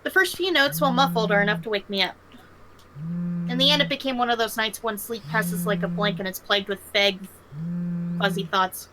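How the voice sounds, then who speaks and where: A woman streaming a horror game, reading its narration aloud in an expressive way. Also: medium pitch, fairly quick, noisy background.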